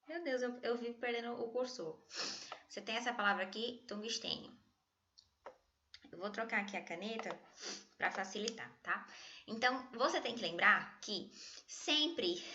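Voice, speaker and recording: Chatty Brazilian teacher woman, bright voice. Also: medium pitch, dull audio. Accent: Brazilian Portuguese. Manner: chatty, jokey, addresses students as "gente". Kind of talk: online grammar lesson. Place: at home.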